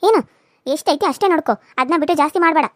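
Cartoon bride voiced by a woman: stubborn, sharp-tongued young wife, very high and rapid, North Karnataka Kannada accent. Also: expressive, no echo, studio quality. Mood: defiant. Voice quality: sharp, quick retorts. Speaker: voice actor. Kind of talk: cartoon serial voice acting.

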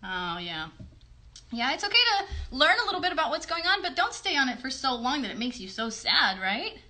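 In a home bedroom, a phone set a short distance away picks up a woman in her thirties hosting a puppet show for children. Her high-pitched voice is sing-song, brisk, pushed and bright. She keeps things casual and encouraging, tossing out simple questions and praise.

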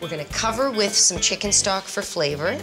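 A woman's voice: medium pitch, lively intonation, normal speed. A woman in her forties, a cooking show host, upbeat and encouraging as she talks a home cook through a recipe in a home kitchen on a lapel mic. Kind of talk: cooking show instruction and voice-over. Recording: music bed under the voice. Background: music.

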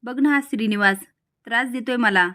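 A woman voicing a lively, cheerful young woman who helps her aunt in a storybook recap. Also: on the high side, normal speed, no echo. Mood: bright. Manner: bright and complaining.

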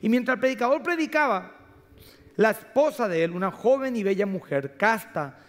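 A man preaching a sermon as pastor, passionate and swinging between loud emphatic peaks and hushed asides. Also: high-pitched, lively intonation, normal speed, big-room sound. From Paraguay.

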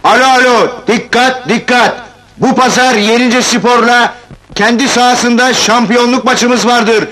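A man playing a town announcer, calling out loudly through a megaphone in an old film. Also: very high-pitched, fairly even intonation, a little slow, full character voice, rough recording. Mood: announcing. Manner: loud, calling out to a crowd.

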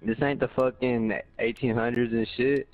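A man's voice: medium pitch, little pitch movement, normal speed, soft background music. A seventeen-year-old young man arguing indignantly and swearing over game voice chat. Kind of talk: argumentative trash talk over game voice chat. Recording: tinny, narrow game headset chat.

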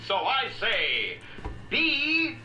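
Jeremiah Fink, boastful tycoon preacher. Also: male voice, huge pitch swings, extremely slow, full character voice. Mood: preachy, folksy. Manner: folksy salesman's pitch, preachy. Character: boastful middle-aged male industrialist preaching his creed. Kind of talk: period radio-style recorded speech in a game. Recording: roomy game audio under loud music.

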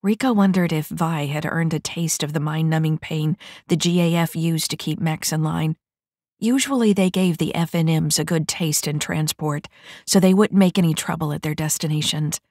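A woman narrating an audiobook story with steady storytelling. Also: sits low, moderate pace, no room sound, clean studio sound.

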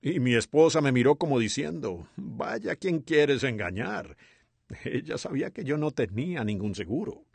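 A man voicing over a sermon as a dub, with a lively, expressive delivery. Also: medium pitch, normal speed, gravelly, husky, no echo. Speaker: sermon interpreter.

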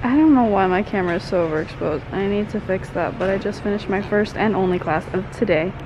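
A woman's voice: medium pitch, fast talker, heavy background noise. A young woman in college talking casually to her phone camera, bubbly and chatty with a self-mocking streak. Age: young adult. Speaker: college student vlogger. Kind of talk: casual vlog chat to camera.

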